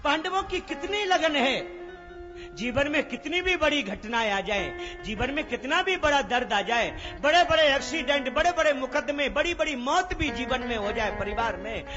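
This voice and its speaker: A man with a notably high voice preaches a devotional story. He is emphatic and swings from loud bursts to quiet asides. The recording is dull, with music playing clearly beneath him.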